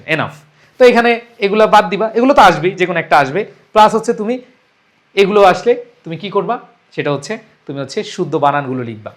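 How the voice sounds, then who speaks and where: A young man teaching an exam-prep lesson, emphatic and repeating key points while mixing in English words. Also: sits high. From Bangladesh.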